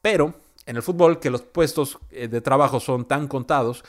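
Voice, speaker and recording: A man with a Mexican accent giving casual football analysis, chatty, often tagging his points with quick questions to the listener. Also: mid-range voice. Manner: conversational, frequent "¿no?" tags and "este" fillers.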